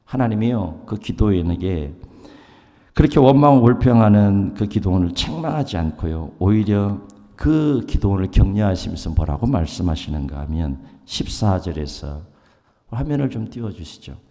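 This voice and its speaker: A male pastor preaching a sermon in an animated way, often putting questions to the congregation and acting out quotes. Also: on the low side, moderate pace. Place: church sanctuary. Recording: long hall reverb.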